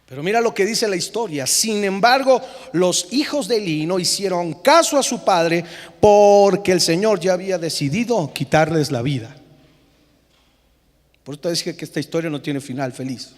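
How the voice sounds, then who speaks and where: A man preaching a lively sermon as pastor, acting out parents and children in quick, changing voices. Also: sits high, long reverb tail. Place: church.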